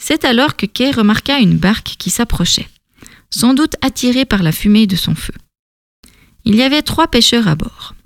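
A woman narrating a storybook in a calm, measured reading voice. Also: a little high, no echo, clean studio sound.

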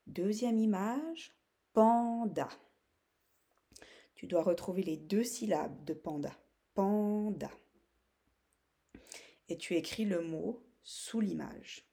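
Slow, gravelly-voiced woman teacher. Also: fairly low pitch, lively intonation, mellow. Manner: drawn-out syllable-by-syllable word modeling. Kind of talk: slow phonics lesson for young pupils.

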